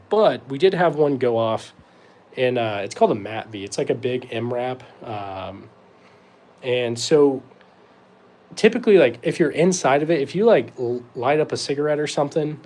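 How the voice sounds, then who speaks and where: A man's voice: medium pitch, darkish tone. Young man from North Carolina, host of a laid-back live Q&A, rambly and easygoing, plenty of ums. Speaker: host answering live chat questions. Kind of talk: casual livestream Q&A.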